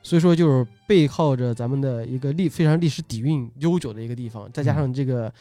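A man's voice: mid-range voice, fast talker, dark tone, dry recording, faint music behind. A man hosting a casual chat and introducing his guests in a talkative way, often repeating short phrases. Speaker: host, video uploader and magician.

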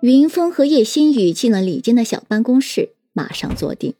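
A woman's voice: on the high side, very animated, moderate pace, mellow, faint music behind. A woman narrating a serialized detective novel, moving between plain narration and teasing character voices. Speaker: audiobook narrator.

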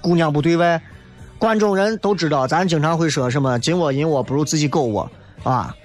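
A fairly high-pitched man speaks with a Shaanxi Guanzhong accent. He rants humorously as a show host, animated and colloquial, firing off rhetorical questions. Light music plays behind him. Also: a little fast. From Shaanxi, China. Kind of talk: humorous ranting monologue.

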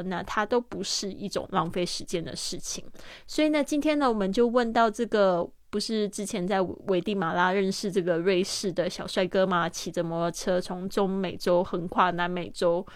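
A woman hosting an English lesson in Mandarin. She breaks phrases into parts and repeats them in a lively way. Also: medium pitch, no room sound. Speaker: English teacher and host.

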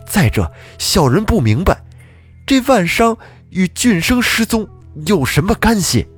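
A man's voice: sits high, big pitch swings, measured pace, slightly rough, soft background music, voice pushed up, heavily acted. A man voicing a young adopted son who earnestly argues his innocence before a magistrate. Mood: protesting. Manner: earnest, insistent arguing. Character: young male adopted son, accused, protesting.

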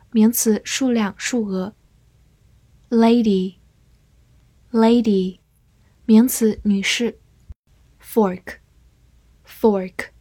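A woman teaching English vocabulary in a deliberate drill, saying each word twice and then giving its part of speech and meaning. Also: mid-range voice, mellow, no room sound.

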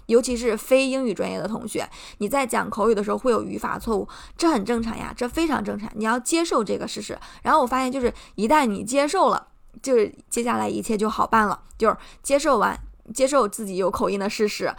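A woman's voice: on the high side, fast talker, gravelly. A young woman from China hosting a podcast, giving earnest, encouraging advice and explaining it step by step. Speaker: podcast host. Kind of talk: casual advice talk.

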